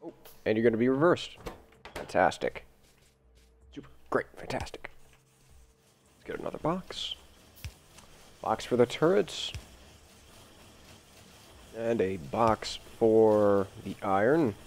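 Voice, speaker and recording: Gravelly, slow-talking man, morning-groggy. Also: slight background noise. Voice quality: deep, gravelly voice. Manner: rambling, talks to the game's machines as he builds. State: groggy from early morning recording. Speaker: gameplay video host. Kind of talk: casual gameplay commentary.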